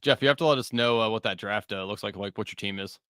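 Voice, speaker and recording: A man's voice: on the low side, quick pace, pushed and bright, smooth, no room sound, clean studio sound. A man hosting a live-stream talk show, reading chat comments aloud with lots of "uh"s and frequent laughs. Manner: reads chat aloud, filler-heavy, laughs often. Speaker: podcast host. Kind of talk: casual live-stream banter.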